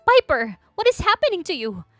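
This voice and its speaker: A woman's voice: high voice, fairly quick, fairly bright tone, dry recording, soft background music, pitched above the performer's own voice. A woman voicing a distraught wealthy middle-aged mother who talks dramatically and mixes English into Tagalog. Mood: anxious pleading.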